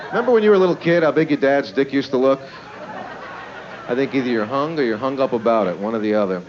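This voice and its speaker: A man's voice: medium pitch, expressive, fast talker, a crowd in the background. A man doing live stand-up comedy with leering, smutty joking, conversational and full of rhetorical questions. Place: live stage before a laughing audience. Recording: noisy, muffled live club recording.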